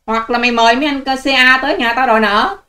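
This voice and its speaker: An older woman rants straight to her viewers, scolding and sarcastic. Her voice sits a little high, and she fires off her words at a rapid clip. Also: sharp tone. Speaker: online channel host. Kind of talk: ranting vlog monologue to viewers.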